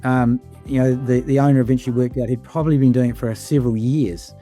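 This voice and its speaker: A man's voice: medium pitch, fairly even intonation, fast, warm tone, faint music behind. A man speaking as a panelist in a casual, list-heavy way, with many fillers. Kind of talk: panel discussion.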